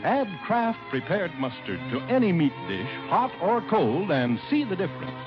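A man's voice: high-pitched, sing-song, normal speed, muffled recording, over music. A man delivering a 1940s radio commercial in a persuasive sales voice, heard from an old broadcast transcription disc. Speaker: commercial announcer.

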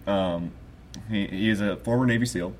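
With a fairly low voice at a moderate pace and slight background noise, a man chats casually as a podcast co-host. He rambles through profane, excitable stories and laughs a lot.

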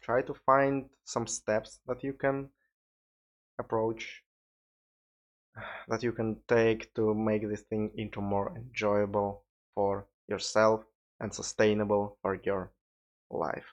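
Man, Russian accent, tired, rambling podcast talk, lowish voice, dull lo-fi sound. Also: flat delivery, slow. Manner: rambling, loose and informal, occasional swearing. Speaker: podcast host. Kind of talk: solo podcast monologue. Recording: dull lo-fi recording.

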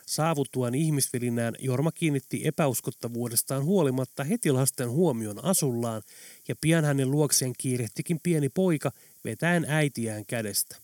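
A man narrating an audiobook in an even, steady storytelling voice. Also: medium pitch, dry recording. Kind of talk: scripted narration. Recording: dry close studio sound.

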